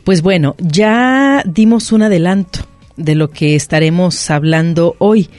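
Un hombre con acento mexicano que conduce un programa de radio, asiente a menudo y resume lo que dice su invitado. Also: male voice, sits high, unhurried, darkish tone, no room sound, soft background music. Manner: affirming, interjecting. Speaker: radio host. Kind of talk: hosting a radio segment. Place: radio booth. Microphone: studio microphone.

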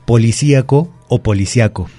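A man's voice: mid-range voice, moderate pace, warm tone, faint music behind. A man, a grammar teacher patiently explaining spelling rules as a guest in a radio studio. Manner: patient, methodical, repeats examples.

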